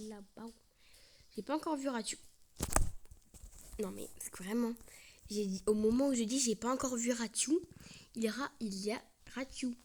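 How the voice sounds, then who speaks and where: Brief: young woman, gaming commentary, a bit high, chatty with whispered asides, faint hiss behind. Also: darkish tone. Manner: chatty, often drops to a whisper, playful with characters. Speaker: gaming video creator. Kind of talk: casual let's-play commentary.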